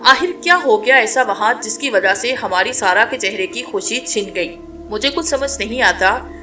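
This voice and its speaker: A woman voicing a middle-aged father who speaks in a soothing, steady way. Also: fairly high pitch, moderate pace, distant mic, faint music behind.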